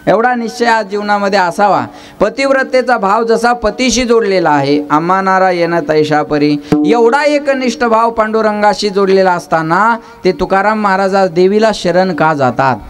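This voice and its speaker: A man's voice: high voice, expressive, moderate pace. A man from preaching a devotional kirtan sermon, chanting verses and teasing his audience with questions and jokes. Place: live gathering with instruments.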